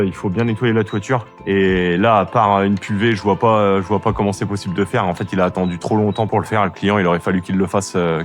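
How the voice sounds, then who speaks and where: A man who cleans roofs with a drone, chatting casually as he walks through his setup outdoors. He explains each step and now and then lets slip a light swear. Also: on the low side. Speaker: drone roof-cleaning contractor. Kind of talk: casual on-site vlog. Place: outdoors on a building site at a large property.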